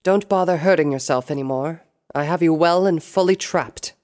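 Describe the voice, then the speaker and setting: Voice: medium pitch, moderate pace, a little mellow, pitched above the performer's own voice, natural voice. A regal pony princess of the night in a fantasy audiobook, put on by the narrator. Her raised voice is grim and commanding, with stately authority. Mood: stern.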